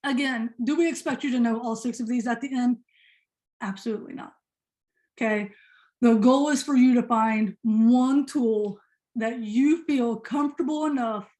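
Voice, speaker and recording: A woman presenting a teacher workshop on a video call, fast-talking and chatty, joking with her audience. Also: high-pitched, a little mellow. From Indiana. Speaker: professional development presenter.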